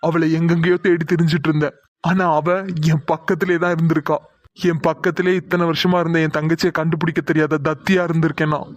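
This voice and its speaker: A man's voice: a little high, level tone, fast, no room sound, close to an everyday voice. A man voicing an emotional older chairman in a cartoon, begging his lost sister's forgiveness. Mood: earnest. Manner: emotional, imploring. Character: tearful older chairman, long-lost woman's brother. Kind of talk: cartoon voice acting.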